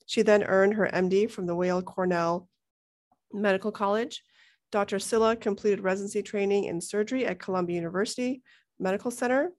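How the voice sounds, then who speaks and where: A woman's voice: medium pitch, darkish tone. A woman co-hosting a podcast, introducing a guest in a partly read, biographical style.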